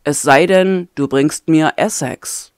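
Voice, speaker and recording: Brooding male captive read by a woman, low and slow, storybook audiobook. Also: darkish tone, clean tone, no room sound, clean studio sound. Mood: urgent, brooding. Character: troubled young male prisoner, desperate and brooding.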